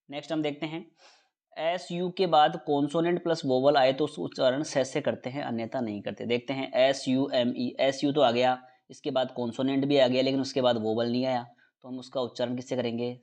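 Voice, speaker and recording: A man teaching an English pronunciation lesson in Hindi, spelling words out slowly letter by letter, then explaining the rules at a brisk pace. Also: medium pitch, a little mellow.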